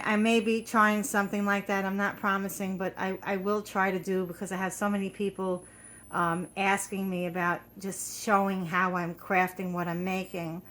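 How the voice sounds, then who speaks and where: A middle-aged woman talks through her handmade decorations in a rambling, homey way, full of "um"s and little restarts. Her voice sits at an everyday middle pitch, and she sounds slightly out of breath as she chats at home. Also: a bit bright. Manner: chatty, rambling, many fillers and restarts. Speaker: craft video host. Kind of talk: casual show-and-tell. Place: home craft room.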